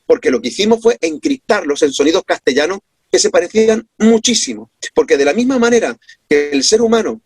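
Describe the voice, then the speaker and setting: A man from Córdoba with an Andalusian accent explains his ideas as an interview guest from home over a video call. His fairly high, husky voice swings widely in pitch as he presses his points with rhetorical questions. The sound is close and dry. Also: lively intonation, fairly quick, darkish tone, no echo. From Córdoba, Andalusia, Spain. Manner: emphatic, rhetorical questions, lecturing.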